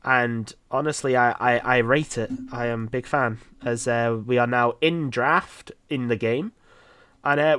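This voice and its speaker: Solo on his own streaming mic, a male esports caster calls a live match in a chatty, rambling way packed with fillers. His voice sits in the mid range with a fairly bright tone.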